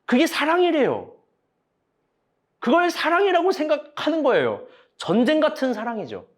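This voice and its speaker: Young male preacher, high animated voice, casual and joking in his sermon. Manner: casual, joking, acts out quoted arguments, direct questions to congregation.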